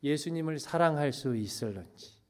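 A middle-aged pastor with a slightly high, expressive voice preaches at a normal pace. He delivers the sermon with emphasis, alternating loud declarations with hushed lines and occasionally switching into English.

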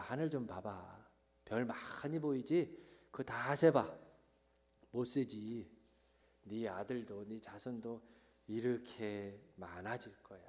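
A male pastor voicing God as gentle and patient, coaxing softly like a mother. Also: mid-range voice, pitched below the performer's own voice, natural voice. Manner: soft, coaxing. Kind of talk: sermon storytelling.

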